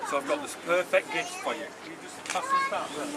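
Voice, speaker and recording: A man giving a rambling, halting best man speech at a wedding, informal and joking. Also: on the high side, wildly swooping pitch. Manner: halting, joking, informal, loses his thread. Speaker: wedding speaker giving toasts. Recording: noisy outdoor recording with loud crowd. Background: crowd noise and ambience.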